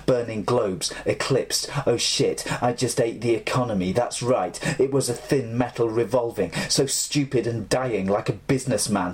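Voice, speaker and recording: A man's voice: medium pitch, a little mellow. A man reciting fragmented, surreal spoken-word poetry in an incantatory way, breaking off to correct himself.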